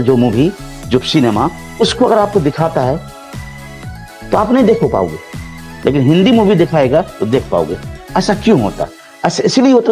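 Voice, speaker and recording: A man's voice: a little high, darkish tone. A man teaching a biology class, repeating himself and explaining everyday examples, speaking a touch. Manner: repetitive, explaining with everyday examples, addresses students as children. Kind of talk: classroom lecture.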